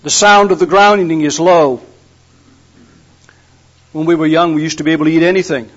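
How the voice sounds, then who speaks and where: A man's voice: on the high side, steady tone, normal speed. An older man preaching a sermon in a folksy, humorous storytelling way. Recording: dull lo-fi recording.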